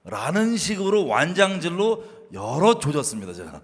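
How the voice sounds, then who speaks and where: A man talks with a higher-than-average voice that leaps up and down as he tells a story against himself. He laughs often and acts out sharp scoldings in a storyteller's way. The room gives his voice a long, ringing tail. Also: moderate pace, breathy edge, in a large hall. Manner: animated, laughing, acts out his past self scolding others. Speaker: co-host. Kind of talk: casual faith talk.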